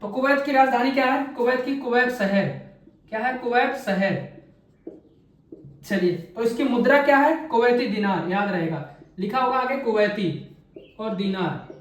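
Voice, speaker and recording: A man's voice: very high-pitched, moderate pace, long pauses. A man teaching an exam-prep class, asking quiz questions and answering them himself, drilling each answer by repeating it. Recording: very echoey room, voice far from mic.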